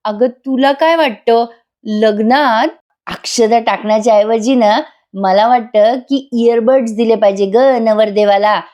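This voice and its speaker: A woman's voice: medium pitch, moderate pace, dark tone, lo-fi sound, lightly acted. A woman voicing a teasing, affectionate young husband recovering from an injury, in a spoken recap of a TV serial. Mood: teasing, tender.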